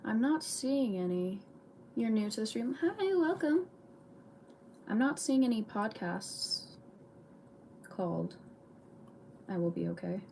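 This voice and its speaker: A woman chatting casually with viewers on a livestream in a soft, laid-back way. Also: on the high side, very animated, takes it slowly, pauses often, slight background noise. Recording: clear music playing behind.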